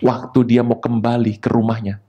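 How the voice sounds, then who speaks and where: A man preaching a sermon, talking in a lively way with sudden high emphatic rises and quick asides. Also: highs cut off. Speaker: pastor.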